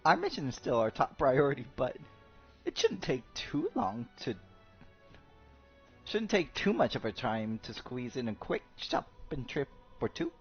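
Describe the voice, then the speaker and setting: A man voicing a calm, kind young male hero, speaking in a measured, reassuring way. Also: mid-range voice, vocal fry, heavily acted. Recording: muffled audio, faint game music.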